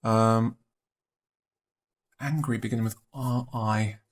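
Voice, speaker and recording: A young man thinking aloud in a let's play, musing and unhurried, trailing off into half-spoken guesses. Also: fairly low pitch, fairly even intonation. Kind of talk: thinking-aloud puzzle commentary.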